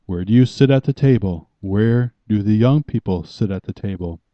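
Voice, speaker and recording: A man's voice: on the low side, moderate pace, no echo, highs cut off. A man preaching a sermon in an emphatic, commanding way as a pastor.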